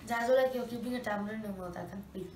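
High-voiced young teen boy. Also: rapid-fire. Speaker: food challenge co-host. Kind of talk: casual chat. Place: small bare room indoors. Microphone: camera a short distance away. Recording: echoey room, faint hiss, distant camera mic.

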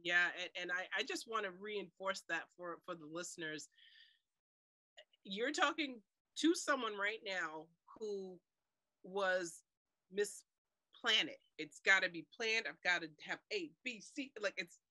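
A guest author with a bright, dry, medium-pitched voice talks at a measured pace in a conversational interview, with no room sound. She's an animated storyteller who laughs often and acts out her inner voice, filmed on a webcam video call in front of a blue cloth backdrop.

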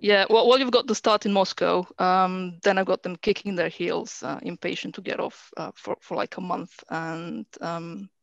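Flat-pitched woman from Croatia, creaky voice. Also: normal speed, few pauses. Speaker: archive transcriber, panelist. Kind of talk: conversational panel remarks. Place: indoors, on a video call. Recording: muffled, roomy video call.

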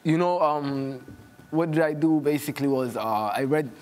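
Soft, hesitant young man from Somalia. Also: a little high, normal speed. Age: young adult. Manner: hesitant, soft-spoken, many "you know" fillers. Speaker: actor guest. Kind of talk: studio interview. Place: TV studio set, indoors.

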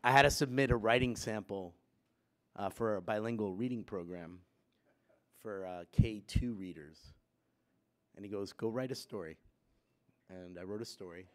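Standing at the lectern of a wood-panelled school chapel, with students seated behind, a man from Puerto Rico in his fifties shares a personal talk through a gooseneck mic. His voice is on the low side at normal speed with long pauses, conversational and filler-heavy, becoming more emphatic over time.

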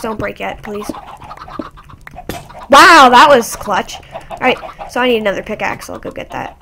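A woman with a fairly high voice commentates her own gameplay in a loose, chatty way. She talks to the game, apologizes to it, and jumps to sudden squeals of surprise. A clear background noise runs under her voice. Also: pushed and bright. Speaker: gaming channel host.

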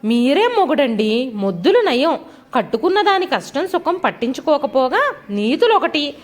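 A woman voicing a quarrelsome middle-aged wife who nags loudly and sarcastically in a storybook reading. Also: sits high, sing-song, normal speed. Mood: scolding. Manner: nagging, sarcastic, loud.

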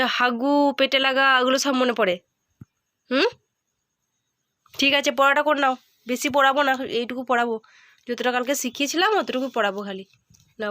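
A high-pitched woman tutors a small child at home, her voice bright and ringing. She coaxes and repeats her questions, then sighs and scolds as her patience wears thin. The sound is close and dry. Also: dry recording. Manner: coaxing then exasperated, sighing and scolding. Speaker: mother tutoring her young son.

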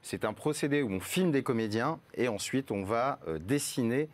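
A man's voice: medium pitch, animated, normal speed. A man, a guest columnist, presents the month's top series in a casual studio chat, explaining with many fillers.

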